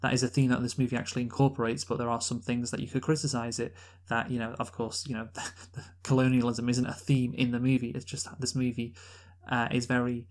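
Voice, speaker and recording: In a mid-range, slightly mellow voice, a podcast co-host shares emphatic opinions about films, often repeating his points. It's a casual, unscripted review talk between co-hosts.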